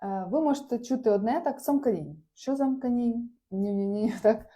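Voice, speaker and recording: Mellow-voiced woman teaching a language class. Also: on the high side, moderate pace. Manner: explains patiently, mixing in Portuguese phrases; laughs often, casual. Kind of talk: live online lesson, reading chat replies.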